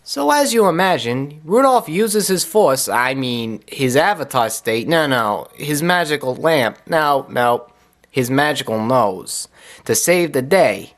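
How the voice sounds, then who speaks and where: Sarcastic male reviewer, lively swinging delivery, comedic commentary. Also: medium pitch, slow. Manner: sarcastic, wisecracking. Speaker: cartoon reviewer.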